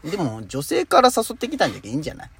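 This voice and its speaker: A young man hosts a relaxed podcast. His voice is high and never broke, and his intonation rises and falls with lively animation as he chats and laughs. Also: rapid-fire, vocal fry, husky, no echo. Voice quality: high, unbroken voice. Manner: chatty, dialect-heavy, laughs often. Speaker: radio show host. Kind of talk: casual podcast chat reading listener letters.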